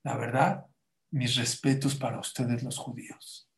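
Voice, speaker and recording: A man telling a story to a gathering, acting out the dialogue with lively shifts in his voice. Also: medium pitch, unhurried, reverberant, very noisy. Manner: animated, acts out dialogue. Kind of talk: storytelling talk.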